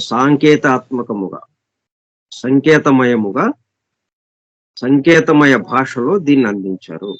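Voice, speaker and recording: A man giving an explanatory scripture lesson as a spiritual teacher, repeating and listing synonyms slowly and deliberately, reading English passages very slowly. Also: mid-range voice, fairly bright tone, no room sound. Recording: dull, dry lo-fi recording.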